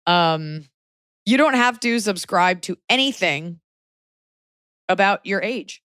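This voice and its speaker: A woman's voice: medium pitch, lively intonation, slow pace, fairly bright tone, clean tone, no echo, clean studio sound. A woman in her forties hosting a podcast, giving frank, emphatic advice in a casual chat. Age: 40s.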